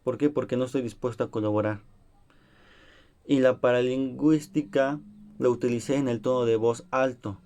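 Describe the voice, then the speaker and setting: A man's voice: medium pitch, fairly even intonation, normal speed, mellow, a little hiss or hum. A young man giving a class presentation, explaining points and acting out short examples. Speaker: student presenter.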